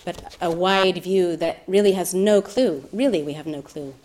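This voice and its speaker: Woman meditation teacher, lowish voice, soft and reflective delivery. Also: moderate pace. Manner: soft-spoken, thoughtful, with gentle laughs. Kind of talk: reflective dharma talk.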